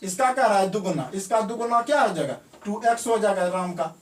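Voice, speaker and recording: A man's voice: high voice, animated, fairly quick, distant mic. A man teaches math in a classroom, asking a question and then answering it himself, again and again. He says the key words twice. His voice echoes around the room and comes from some way off the mic. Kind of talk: classroom lesson.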